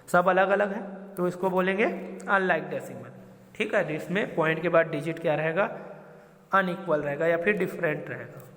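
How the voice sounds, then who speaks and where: A man's voice: fairly high pitch, a bit bright, in a large hall. A man teaching a school math lesson, explaining step by step and keeping the class on track with questions and a repeated "theek hai".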